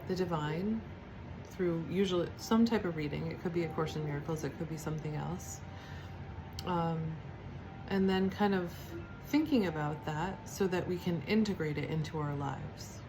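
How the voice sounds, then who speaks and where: A woman giving a spiritual teaching, speaking softly and reflectively, with pauses, fillers and restarts. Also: sits low, noisy background. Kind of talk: devotional teaching talk.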